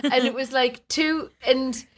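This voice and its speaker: A woman co-hosting a comedy podcast, talking quickly and excitably in casual chat and laughing often. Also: high voice. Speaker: podcast co-host.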